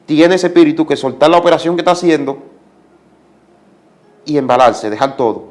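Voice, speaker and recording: A man's voice: a little high, brisk. A man giving a religious testimony as a guest, speaking like a preacher and repeating commands for emphasis.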